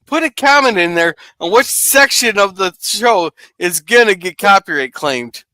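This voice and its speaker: A man's voice: sits high, expressive, unhurried, pushed and bright, no room sound, low-quality recording. A man hosting a casual live stream, chatting loosely and reading out viewer comments. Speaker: podcast host.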